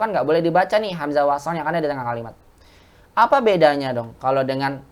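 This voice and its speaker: A woman teaching an Arabic lesson to a class, explaining step by step and asking the class questions. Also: low-pitched. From Indonesia. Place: mosque classroom.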